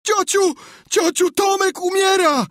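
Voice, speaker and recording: A man's voice: very high voice, slow pace, fairly bright tone, dry recording, clean studio sound, voice pushed up, exaggerated voice. A man doing a panicky little brother. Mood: shouting. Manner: pleading, alarmed. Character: frightened younger boy, anxious.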